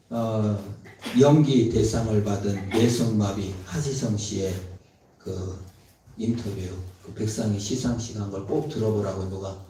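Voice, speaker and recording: A man preaching a sermon as a pastor, dramatic, swinging between loud emphatic lines and hushed tender ones. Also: on the low side, slight background noise. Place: church sanctuary. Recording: very echoey, from far off.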